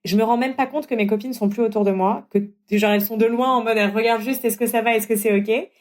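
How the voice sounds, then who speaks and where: A young adult woman telling a personal story in casual chat, acting out the dialogue with big leaps in pitch. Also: fast. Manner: animated, acts out dialogue with big pitch jumps. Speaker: guest telling her story.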